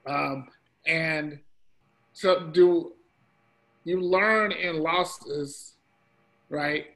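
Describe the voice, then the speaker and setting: A debate coach on a panel, speaking in a steady way and checking in with "right?" after his points. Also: fairly high pitch, poor audio. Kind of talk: panel discussion answer.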